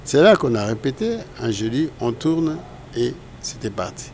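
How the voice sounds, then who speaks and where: Older gravelly Congolese man reminiscing. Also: medium pitch, sing-song, moderate pace, crowd noise. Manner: rambling, self-correcting storyteller. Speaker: interviewed guest. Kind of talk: casual interview recollection.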